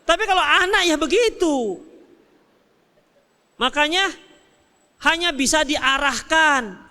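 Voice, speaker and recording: A man with a Medan Indonesian accent giving a religious study lecture and answering questions, lively and jokey, acting out little dialogues. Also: very high-pitched, takes it slowly. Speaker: Islamic preacher. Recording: hall reverb.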